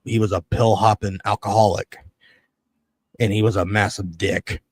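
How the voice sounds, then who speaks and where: With a lowish voice at normal speed and no room sound, this podcast host in his early thirties chats casually. He curses liberally and brings his rants and stories to life by acting out what he said in response.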